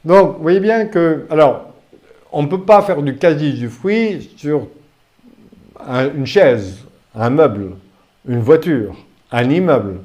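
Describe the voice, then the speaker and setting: A male law lecturer with a fairly high but mellow voice, talking to his students in a recording studio. He keeps it lively with jokes and quick questions to the class. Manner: lively, joking, with rhetorical questions.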